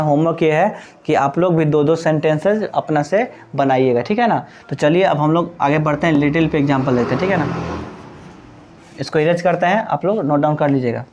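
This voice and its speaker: A man's voice: on the high side, normal speed, a little mellow, lo-fi sound. A male English teacher giving a classroom grammar lesson, mixing Hindi with English terms and answering his own questions to the class. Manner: explains by asking the class questions and answering them himself.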